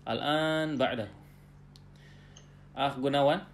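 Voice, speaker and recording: Patient male teacher leading an online lesson over a video call, middle-pitched voice. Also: fairly even intonation, slow pace, a little hiss or hum. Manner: patient, drills terms, ends phrases with "ya". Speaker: Arabic teacher.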